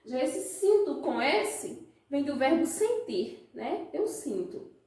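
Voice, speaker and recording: Slow, high-voiced Brazilian teacher in an echoey room. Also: female voice, sing-song, darkish tone, distant mic. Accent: Brazilian Portuguese. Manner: explains slowly, asks the class frequent check questions. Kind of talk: classroom lesson.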